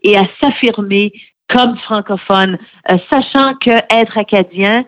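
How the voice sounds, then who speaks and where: A middle-aged woman with a medium-pitched voice talks slowly as a radio guest, explaining earnestly with frequent hesitations; she is the head of a francophone federation. The recording is dry and slightly muffled.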